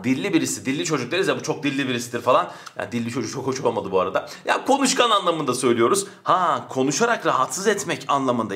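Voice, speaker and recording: A man's voice: mid-range voice, sharp tone. A man teaching an exam-prep language lesson, joking and chatting with his students as friends.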